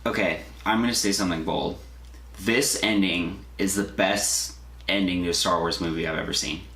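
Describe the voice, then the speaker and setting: Guy with a lower voice chatting enthusiastically about a review, echoey and noisy. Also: fairly even intonation, moderate pace, a bit bright. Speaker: co-host of a review show. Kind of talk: casual group review chat. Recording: echoey room with noticeable noise.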